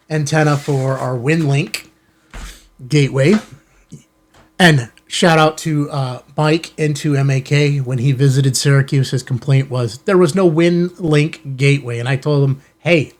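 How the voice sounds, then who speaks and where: A mid-range male voice comes through with slight background noise. The American host of a ham radio channel chats casually with viewers while unboxing and showing off gear, recording in an indoor studio within an office building.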